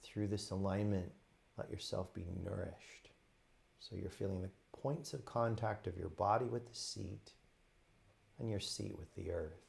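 With a fairly low voice touched by vocal fry, a man guides a meditation. He talks gently and unhurriedly, offering short phrases separated by pauses, like a teacher walking students through a practice.

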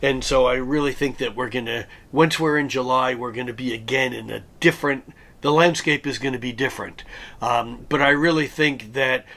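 A male astrologer talks through an astrology forecast, his voice raspy and hoarse as he recovers from an illness. He moves methodically from one date and planetary aspect to the next, at a mid-range pitch for a man. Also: brisk, a bit bright.

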